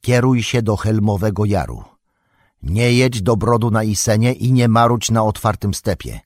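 A man reading aloud, voicing an old wizard who gives urgent, authoritative instructions in a husky voice. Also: on the low side, expressive, normal speed, no room sound, clean studio sound.

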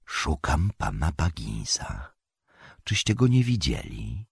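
A man voicing a cheerful, eager young male hobbit who chats brightly in a raised voice. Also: mid-range voice, sing-song, moderate pace, dry recording, studio quality, voice pushed up. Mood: teasing.

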